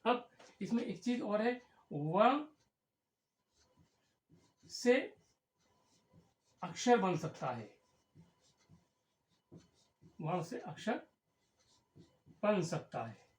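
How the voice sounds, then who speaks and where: A woman teaching a Hindi grammar lesson, explaining slowly and repeating key words as she writes. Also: mid-range voice, big pitch swings, darkish tone. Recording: echoey room.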